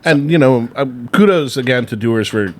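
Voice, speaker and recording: A man's voice: medium pitch, expressive, a little fast. Laid-back male guest reviewer. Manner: easygoing, laid-back, reads tasting notes. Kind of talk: casual whiskey review chat.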